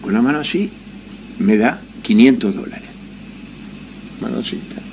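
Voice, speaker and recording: A man's voice: mid-range voice, animated, unhurried, vocal fry, a little mellow, a little hiss or hum. A man with an Argentine accent telling a casual anecdote, laughing often and acting out the voices of people in his story. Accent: Argentine Spanish.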